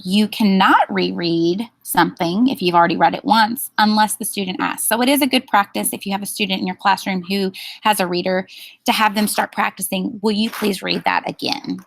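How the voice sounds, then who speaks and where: Woman presenter for a staff training, mid pitch, slightly gravelly, steady and explanatory, dry sound. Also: brisk, no room sound. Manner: explanatory, steady, with frequent ums.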